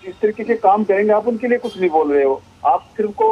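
A man's voice: high voice, expressive, quick pace, breathy edge, narrow, tinny audio. Defensive male guest on a remote link. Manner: defensive, repeating himself, trying to get a word in. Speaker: debate guest, party spokesman. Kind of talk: heated TV debate.

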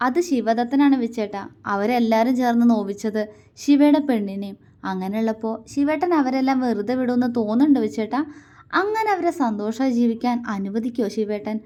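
A woman's voice: on the high side, animated, a little fast, warm tone, natural voice. A woman voicing an emotional young wife who pleads and questions her husband earnestly in a romance story.

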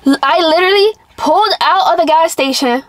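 A woman's voice: very high voice, brisk. A young woman chatting casually to camera in a parked car, her nose blocked and nasal as with a broken nose, taking breaths through her mouth. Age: young adult. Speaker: prank vlogger.

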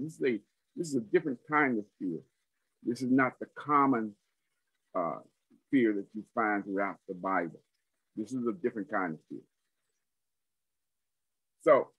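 A man preaching a sermon, teaching slowly and deliberately, repeating phrases for emphasis. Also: mid-range voice, a bit bright, husky, dry recording, low-quality recording.

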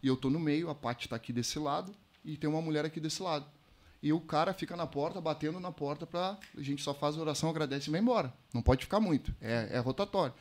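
A man, a podcast guest telling a personal story in a slangy, animated way. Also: fairly high pitch, fast talker. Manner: animated storyteller, slangy, calls listeners "mano". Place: podcast studio.

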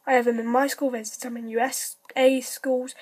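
A woman's voice: on the high side, little pitch movement, moderate pace, a little mellow, breathy edge. A woman vlogger talking casually and rambling to her camera. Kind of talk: casual vlog.

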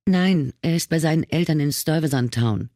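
A scared young woman, tearful and halting, in a storybook reading, as a male narrator puts her on. The voice climbs far above his usual range, mellow and dry. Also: fairly high pitch, dry recording, pitched above the performer's own voice, natural voice. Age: young adult. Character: frightened young female espresso vendor, sobbing. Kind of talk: audiobook reading.

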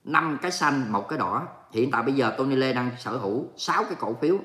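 A man's voice: mid-range voice, lively intonation, quick pace, fairly bright tone, echoey room. A Vietnamese man hosting a casual livestream, bantering playfully and mock-indignantly with viewers as he reads their comments. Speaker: livestream host. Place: home, living in Texas.

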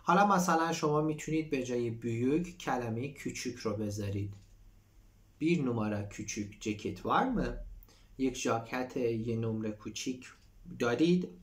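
A man's voice: mid-range voice, lively intonation. Man teaching Turkish phrases. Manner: reads Turkish lines aloud, then explains them in Persian. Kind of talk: explaining a textbook dialogue.

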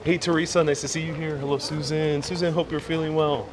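Higher-pitched man, mixed accent, street noise. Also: flat delivery, quick pace. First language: Spanish. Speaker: livestream host. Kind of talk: casual livestream chat. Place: outdoors, evening streets and harbor. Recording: noisy outdoor street ambience.

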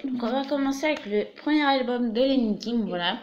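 A woman's voice: fairly high pitch, expressive, brisk, darkish tone, lo-fi sound. A young woman showing her fan collection to the camera in a casual show-and-tell, chatty and full of filler words, recorded in a small room. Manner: chatty, leans on fillers like "voilà" and "du coup".

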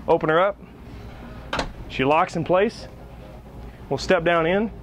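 A man's voice: on the high side, slow, a bit bright, a little hiss or hum. A man hosting a boat dealer's video, giving an upbeat, salesy walkthrough of a boat. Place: outdoors at a marina on a boat.

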